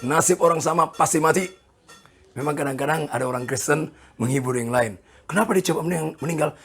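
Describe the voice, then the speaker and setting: A pastor in his sixties preaching a sermon, animated and joking with the congregation, with a gravelly, husky voice. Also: a little high, brisk. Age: 60s. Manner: animated, jokes with the congregation, voices people in quoted asides.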